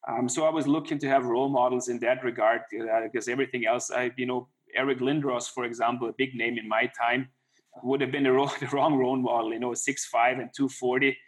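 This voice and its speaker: This rough remote-call recording captures a middle-aged man who used to play hockey, chatting in a relaxed interview full of false starts and frequent "you know"s. He talks a little fast, with a steady, medium-pitched voice.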